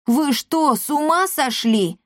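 A woman's voice: on the high side, normal speed, no room sound, clean studio sound, lightly acted. A woman voicing a plump, timid young man who blusters when pushed. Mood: anxious.

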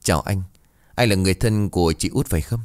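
A man voicing a calm, formal police officer who speaks politely in a storybook tale. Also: low-pitched, fast talker, no echo, clean studio sound, close to an everyday voice.

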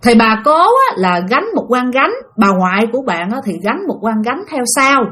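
A woman's voice: on the high side, very animated, moderate pace, fairly bright tone. Chatty woman storyteller. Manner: chatty, addresses listeners directly. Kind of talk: narrating ghost stories to listeners.

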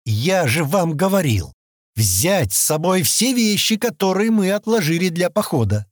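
A man voicing an irritable male expedition leader who yells at his companions. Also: sits high, sing-song, measured pace, dry recording, clean studio sound, voice pushed up, heavily acted. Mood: exasperated. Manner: shouting, exasperated. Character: hot-tempered man leading a stranded expedition.

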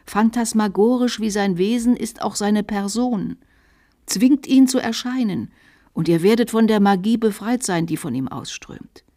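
A woman reading aloud voices a stern, zealous male priest with a sawing voice, warning gravely and insistently. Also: mid-range voice, unhurried, mellow, voice pushed up, natural voice. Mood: insistent hush.

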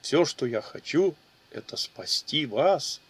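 Man playing a honey-tongued fighter, coaxing, ingratiating, fairly high, storybook rogue. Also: lively intonation, slow, slightly rough, full character voice. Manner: sweet-talking, ingratiating. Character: smooth-talking lustful male warrior, coaxing.

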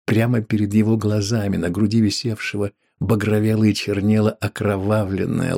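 A man narrating an audiobook in a measured, grave way. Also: on the low side, vocal fry, darkish tone, slightly rough.

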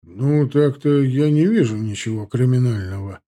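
A man voicing a gruff, sardonic middle-aged hospital doctor who barks and teases in a brusque way. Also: mid-range voice, normal speed, dark tone, lightly acted. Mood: brisk. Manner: barking, teasing, brusque.

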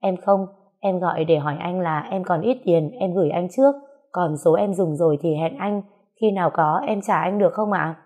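A woman's voice: on the low side, moderate pace. A woman reading a story aloud, voicing a shy, anxious young woman who talks hesitantly. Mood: worried. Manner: hesitant, soft, stammering.

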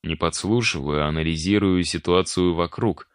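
A man voicing a calm young man who speaks in an even, level tone. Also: deep voice, normal speed, no room sound, clean studio sound. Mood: flat. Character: calm, flat-toned young man, analytical.

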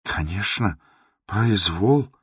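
An actor playing a timid aging male doctor who is trembling and pleading, with a husky voice, in a radio drama. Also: on the low side, expressive, extremely slow, dry recording, studio quality, exaggerated voice. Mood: agitated. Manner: pleading, shaky.

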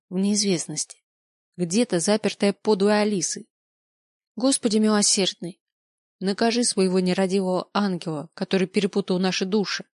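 A woman's voice: mid-range voice, darkish tone, no room sound, clean studio sound. Dramatic woman reading an audiobook. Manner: emotional, dramatic first-person reading. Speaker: audiobook narrator. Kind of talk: audiobook narration.

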